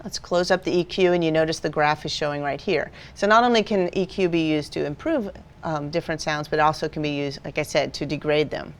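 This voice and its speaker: A woman with a lower-pitched voice walks through a software tutorial one step at a time. She explains patiently and plainly, like a teacher guiding a class. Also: fairly even intonation, brisk, few pauses. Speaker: video editing instructor. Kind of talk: screen-recorded software tutorial.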